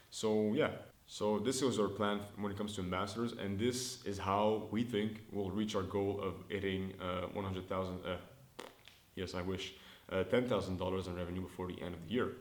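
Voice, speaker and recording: Filming himself on his own camera in an indoor room, a startup founder from Montreal, Canada, shares a casual business vlog update, and the room gives his voice a noticeable echo. He is in his early twenties and a native French speaker. His voice is fairly low, with a steady tone and normal speed, chatty and upbeat as he thinks out loud and restarts his sentences.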